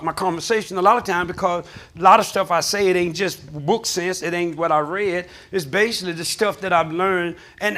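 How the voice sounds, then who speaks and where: A man preaches in a church sanctuary, his voice pitched unusually high. The tone is bright and forceful. He works the room with call-and-response and pushes up into shouting. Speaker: pastor. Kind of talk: sermon.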